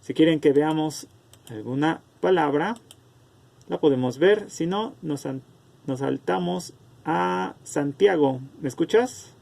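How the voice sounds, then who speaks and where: A man teaching an online class over a video call, explaining slowly and calling on students by name. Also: fairly high pitch, vocal fry, darkish tone.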